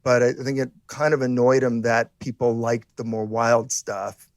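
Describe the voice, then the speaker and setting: A man's voice: medium pitch, level tone, normal speed, dry recording, clean studio sound. A man co-hosting a podcast, talking casually and rambling with many restarts and fillers. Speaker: podcast co-host. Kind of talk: casual conversation.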